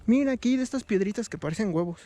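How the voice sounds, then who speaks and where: A man's voice: sits high, expressive, fast, warm tone. A man with a Mexican accent vlogging casually on a night walk outdoors, chatty and slangy, with frequent exclamations. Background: music.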